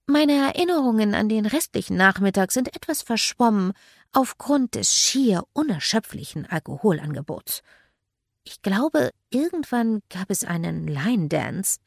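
A woman reading a first-person audiobook in a lively, expressive storytelling manner. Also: medium pitch, unhurried, creaky, dry recording, studio quality. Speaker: audiobook narrator.

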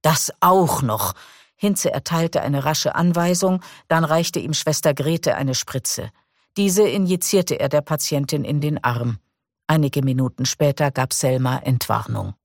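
A man reading a novel aloud in calm, measured audiobook narration. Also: a little high, vocal fry, no echo, studio quality.

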